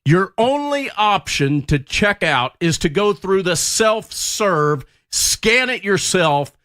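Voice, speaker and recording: A man's voice: high-pitched, big pitch swings, slow, bright, forceful tone, clean tone. A man co-hosting a radio show, complaining bluntly. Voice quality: blunt, ranting, politically incorrect cowboy. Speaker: radio co-host. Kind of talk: casual radio chat. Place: radio studio.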